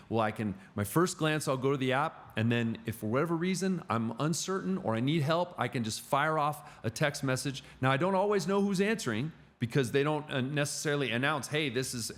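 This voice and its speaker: A middle-aged man chatting casually on a podcast, telling animated stories with frequent restarts. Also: medium pitch. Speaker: gym client and podcast guest. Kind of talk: casual podcast chat, storytelling.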